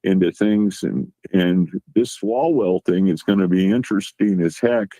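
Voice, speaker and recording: A man's voice: sits low, normal speed, warm tone, poor audio. A man guest chatting casually, telling a rambling anecdote and acting out the quoted lines. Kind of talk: casual chat.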